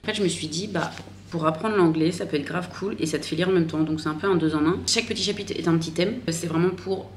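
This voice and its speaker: A woman's voice: lowish voice, fast talker, a little hiss or hum. A woman vlogging casually as an online fitness coach, chatty and informal, with plenty of fillers and restarts. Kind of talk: casual vlog chat.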